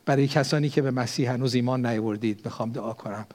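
An older man, a pastor, preaching a sermon. He swells with force on key phrases and sinks into hushed prayer. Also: mid-range voice.

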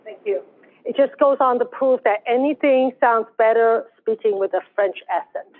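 A woman with a Chinese accent delivers a keynote to a conference crowd in an emphatic, conversational way. Her voice sits somewhat high. The audio is narrow and tinny, like a phone line. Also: normal speed. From China. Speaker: conference speaker. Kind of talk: keynote talk.

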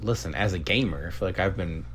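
A man co-hosting a comedy podcast tells stories in casual, profane banter, animatedly acting out quotes. His voice sits low and he talks at a quick pace. The recording is noisy, with a steady hum.

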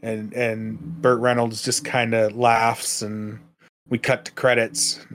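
A man's voice: medium pitch, level tone, slow, a bit bright. A man running a tabletop game as game master, narrating with many hesitations and fillers.

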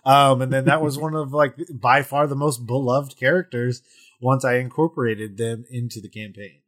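Male podcast host, husky mid-range voice, casually explaining with emphatic repeats. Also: mid-range voice, fairly even intonation, moderate pace, a bit bright. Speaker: podcast host and game master. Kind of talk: casual explanatory chat about tabletop gaming.

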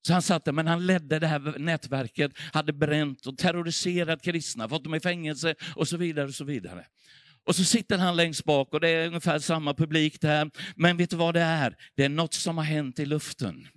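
A middle-aged male preacher tells a revival story in a fervent sermon. His voice sits high and sounds bright and ringing. He swings between hushed passages and loud surges, recorded dry with little room sound. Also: dry recording. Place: church.

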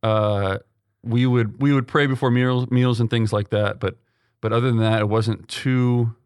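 A man's voice: mid-range voice, fairly even intonation, unhurried, darkish tone, smooth, no echo, studio quality. A young man from Texas, a seminarian, answering interview questions in an earnest way, with many ums and restarts. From Texas, USA. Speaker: seminarian guest. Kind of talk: conversational interview.

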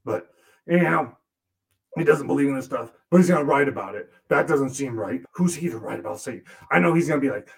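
As a man slips him on, a foul-mouthed demon puppet grumbles and sneers in a gravelly voice full of vocal fry, pitched in the middle range. Fast and animated, he rambles sarcastically and crudely, complaining about the man operating him in an in-character comic monologue.

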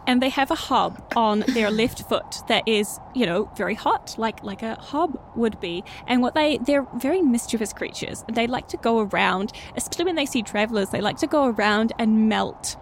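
A woman's voice: fairly high pitch, moderate pace, few pauses, a little hiss or hum. A woman playing along in improvised group storytelling, with a giggly, mock-earnest manner. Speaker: co-player in an improvised storytelling show.

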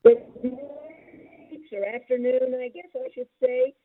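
An older woman's voice comes down a thin, tinny phone line, pitched somewhat high for a woman. She is a caller who talks emphatically and chattily, stacking up one point after another. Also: little pitch movement, moderate pace. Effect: over the phone, tinny line. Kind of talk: casual call-in chat.

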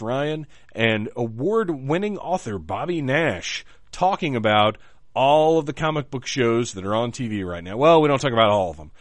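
A podcast host chats casually, rambling and poking fun at himself. His medium-pitched voice sounds a little nasal and scratchy from a cold, captured in clean studio sound with no echo.

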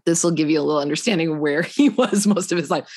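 A woman is a guest on a podcast, telling her story in a casual testimony conversation and animatedly acting out other people's voices and quotes. She speaks fast in a low voice, recorded dry and clean in a studio.

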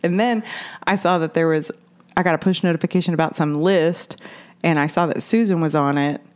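A woman in her forties with a low voice and a slightly quick pace chats casually as a podcast co-host. She's an American who speaks candidly and swears now and then.

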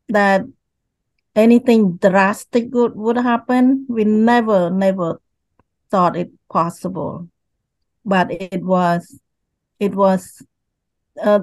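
An older woman from Cambodia with a Cambodian accent, slowly and haltingly telling her life story as a guest over a video call. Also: mid-range voice, darkish tone, no echo, rough recording. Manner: slow, halting, repeats words.

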